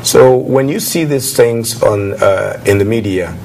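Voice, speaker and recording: A man hosting a TV talk show, speaking haltingly with many fillers. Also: medium pitch, vocal fry, a little mellow, slight background noise. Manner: hesitant, many filler sounds.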